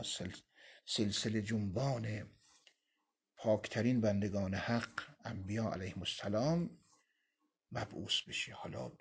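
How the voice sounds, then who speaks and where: Low, gravelly and a little rough, a man's voice reads out Arabic quotations and explains them piece by piece in a Quran commentary lesson.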